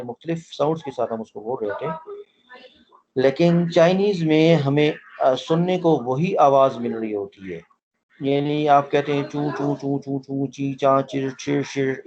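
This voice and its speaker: A man's voice: medium pitch, lo-fi sound. A man teaching a language class online, explaining things step by step and often repeating his point as he quizzes his students. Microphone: online call audio.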